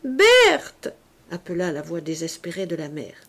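Woman, audiobook narrator, measured, expressive, mid pitch. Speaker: audiobook reader.

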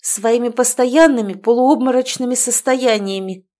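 A woman voicing an angry young woman who snaps and yells at her friend, in an audiobook. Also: on the high side, moderate pace, voice pushed up, close to an everyday voice. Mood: angry yelling. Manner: shouting, sharp, scolding. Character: young woman, furious and worn out.

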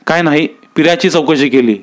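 A man's voice: a little high, a little fast, lightly acted. A man voicing a timid, anxious farmer who speaks hesitantly in rustic village speech.

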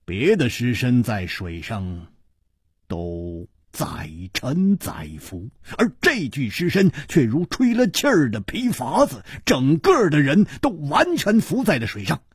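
A man narrating a martial-arts story in a dramatic, animated storytelling style, with a husky voice. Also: mid-range voice, slow pace, dry recording, clean studio sound.

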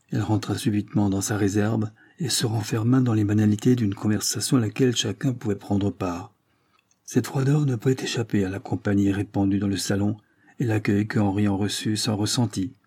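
A man narrating a classic novel in a measured, even storytelling manner. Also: fairly low pitch, slightly rough. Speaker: audiobook narrator.

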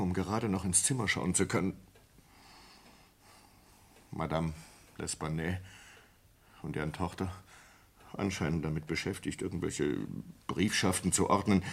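At a medium pitch and with a husky edge, a male actor delivers a German radio-play monologue as a distraught sailor owning up to a horrifying ape killing. The confession comes out halting and intense, shifting from hushed to agitated.

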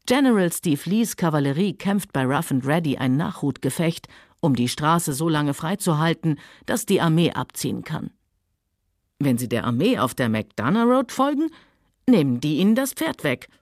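A woman reading a novel aloud, voicing a worldly, sardonic Southern gentleman who speaks coolly and mockingly. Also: deep voice, expressive, moderate pace, dry recording, studio quality. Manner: sardonic, cool, later soft and soothing.

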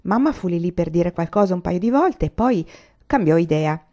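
A woman reading a novel aloud in a steady, even storytelling manner, in a dull lo-fi recording. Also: fairly low pitch, moderate pace. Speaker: audiobook reader.

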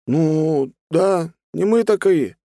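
A man's voice: on the high side, animated, slow pace, mellow, no echo, clean studio sound, voice pushed up. A man voicing a frightened male thug, a former violinist, who whines and stammers as he pleads. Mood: cowed. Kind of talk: audiobook character voice.

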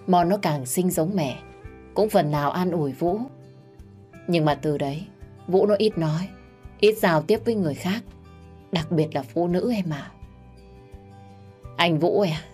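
A woman storyteller narrating a family drama in a measured, sorrowful way. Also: low-pitched, a little mellow. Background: faint background music.

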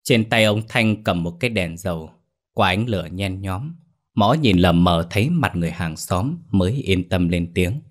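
A man narrating a scripted ghost story in a steady storytelling delivery. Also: low voice, moderate pace. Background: faint music.

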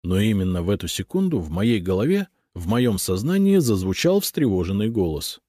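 Expressive low-voiced male narrator. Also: moderate pace, dry recording. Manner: expressive, lively storytelling. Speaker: audiobook narrator. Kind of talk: first-person scripted audiobook narration. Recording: dry close studio recording.

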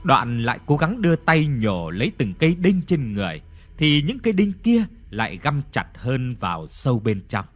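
A man narrating a ghost story in an expressive, dramatic storytelling manner. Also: mid-range voice, moderate pace, faint music behind.

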